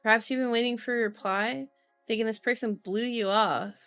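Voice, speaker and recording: With soft music playing, a woman hosts a relaxed livestream where she reads tarot and horoscopes, chatting and musing as she reads cards aloud and often drawing words out. Her voice sits on the high side, with fairly even intonation and a slightly quick pace. Her tone is fairly bright, clear, and resonant.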